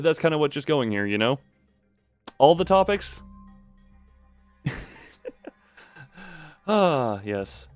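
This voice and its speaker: With a high-pitched, slightly bright voice, a male livestream host rambles jokingly, veering into tangents and replying to chat. The recording is dry.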